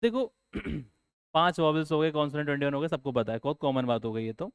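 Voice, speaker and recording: A male teacher gives an exam-prep lecture in a smooth, resonant voice that sits a little high. He keeps putting questions to his students and then answers them himself. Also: fast. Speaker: English teacher.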